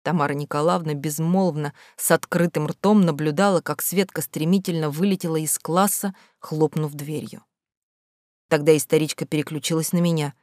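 A woman reading a first-person novel aloud with expressive, measured storytelling. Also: deep voice, dry recording, clean studio sound. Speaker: audiobook narrator. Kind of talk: first-person audiobook narration.

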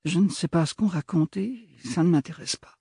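A man playing a calm, reserved young woman from a storybook, speaking softly in a raised, gentle voice. The sound is husky and dry, close to the mic. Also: fairly high pitch, normal speed, no echo, pitched above the performer's own voice. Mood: firm. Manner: quiet, flat, composed.

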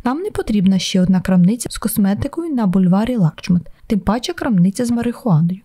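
A woman's voice: mid-range voice, lively intonation, mellow, close to an everyday voice. A woman voicing a stern, formal older woman who defends a bookshop. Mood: firm. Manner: formal, measured.

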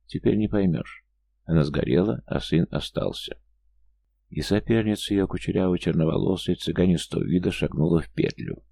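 Deep gravelly male audiobook narrator. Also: dark tone. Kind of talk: scripted narration.

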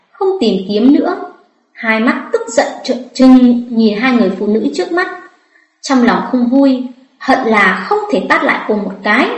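Woman narrating a story, roomy echo. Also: fairly high pitch. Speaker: audiobook narrator.

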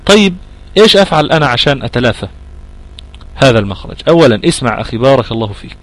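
A man with an Egyptian accent teaching Quran recitation, patiently explaining and repeating points and sounding out letters slowly as he answers student questions. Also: medium pitch, big pitch swings, fairly bright tone, rough recording. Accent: Egyptian Arabic.

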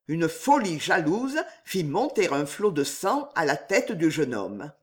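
A reader narrating an audiobook in a slow, expressive storytelling manner. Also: mid-range voice.

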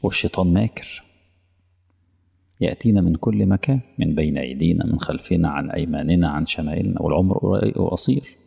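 In a large hall, a male preacher with an Egyptian Arabic accent gives a colloquial religious lesson, talking conversationally and often checking that his listeners follow. His low voice moves fast, warm but slightly rough, with vocal fry. He quizzes the audience and acts out mock dialogues.

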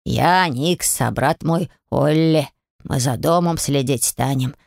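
A woman voicing shy, humble male house-spirit brothers who speak slowly and timidly in a lower voice. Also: vocal fry, darkish tone, dry recording, studio quality, heavily acted. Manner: slow, hopeful and timid.

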